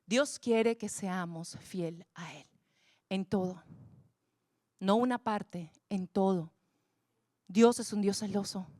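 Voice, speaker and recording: A woman preaching a sermon with passion, repeating words for emphasis and dropping at times to a hush. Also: medium pitch, slow, pauses often, no echo, clean studio sound. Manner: impassioned, swings between loud pleas and hushed whispers.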